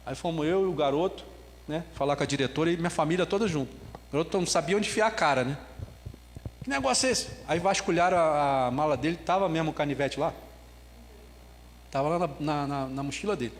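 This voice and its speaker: A man preaching a sermon as pastor, telling a story in an animated way with bits of laughter. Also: on the high side, in a large hall. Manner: ends with a slow spoken prayer.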